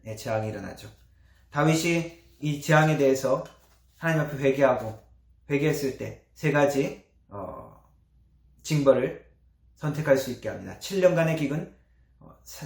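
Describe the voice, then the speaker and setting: A man preaching a sermon as pastor, with earnest emphasis and soft trailing endings. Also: fairly high pitch. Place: church sanctuary. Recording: echoey church hall.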